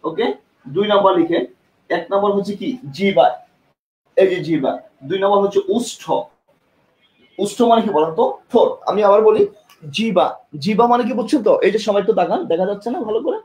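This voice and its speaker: A man's voice: high-pitched, fast talker, pauses often, a little mellow. A man teaching an online exam-prep class, often repeating himself and asking students questions, recorded by a camera mic in a classroom with a board. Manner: demonstrates with tongue and lips.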